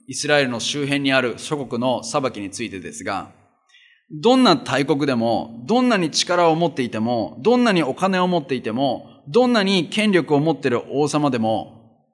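A man works through a Bible chapter in a measured reading voice with a middle pitch. Between passages he stops and explains the text in an easy, conversational way, as a pastor speaking to his congregation. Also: sing-song. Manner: reads scripture steadily, then explains in a plain conversational tone. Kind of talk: Bible reading with sermon commentary.

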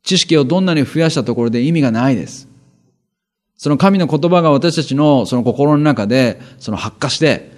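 A man's voice: mid-range voice, expressive, brisk. A male pastor preaching, reading Bible verses aloud and then explaining them in a conversational way, with rhetorical questions and asides.

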